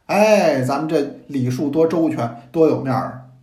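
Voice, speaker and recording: A man's voice: on the high side, a little slow, a little mellow, roomy sound. A man voicing a cheeky young nephew who boasts and complains, in a storytelling. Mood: boastful. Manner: boastful, indignant.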